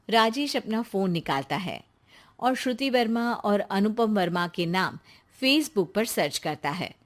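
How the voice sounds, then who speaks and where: Woman narrating a bedtime story. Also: medium pitch.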